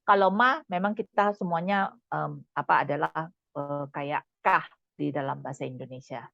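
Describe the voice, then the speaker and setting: A woman's voice: deep voice, moderate pace, creaky, fairly bright tone, no echo, muffled recording. A woman teaching a Mandarin lesson online, explaining patiently with frequent "eh" fillers.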